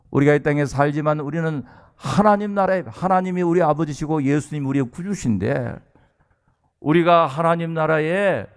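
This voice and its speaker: A South Korean pastor in his early sixties preaches a sermon to his congregation, earnest and emphatic, addressing listeners directly. His voice is a little high and creaky.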